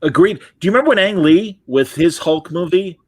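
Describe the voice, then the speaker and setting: A man hosts a casual interview podcast, chatty and enthusiastic, frequently restarting his sentences. His voice is high and husky, with lively intonation and a slightly fast pace. The sound is dry and close, with no room sound.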